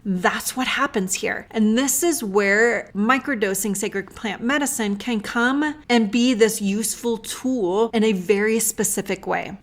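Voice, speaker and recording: Slow, soothing woman guiding breathwork. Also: mid-range voice, fairly bright tone. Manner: conversational with tag questions like "right?". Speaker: podcast host. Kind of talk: guided breathwork then reflective talk.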